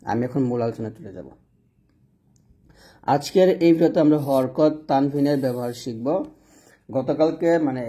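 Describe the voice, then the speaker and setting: A man teaching an online Quran reading lesson, drawling each letter sound slowly and then explaining quickly. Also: medium pitch, dark tone, husky.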